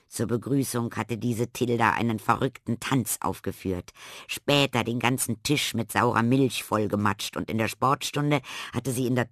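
A man narrating a children's book with expressive, animated storytelling. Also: mid-range voice, dry recording, clean studio sound. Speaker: audiobook narrator.

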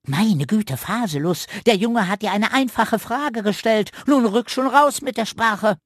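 A bold little squirrel who scolds with a brisk, sharp tongue, as a male reader puts her on. The voice is pitched high and bright. It is a children's storybook reading with a dry, close sound. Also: dry recording. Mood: scolding.

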